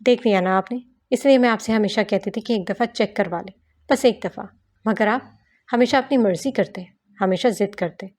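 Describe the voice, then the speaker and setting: A woman's voice: mid-range voice, a little mellow, close to an everyday voice. A woman voicing a small, hot-tempered young wife who scolds emotionally in an audiobook reading. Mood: scolding.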